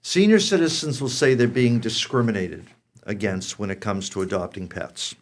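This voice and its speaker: An American man in his sixties hosts a pet show, speaking frankly and conversationally straight to his viewers. His voice is lowish and his pace moderate.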